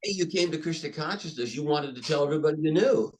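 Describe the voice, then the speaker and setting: An older man, a podcast guest, speaking emphatically and telling stories with animated restarts. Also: fairly high pitch, quick pace, a little hiss or hum, poor audio. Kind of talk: conversational interview storytelling.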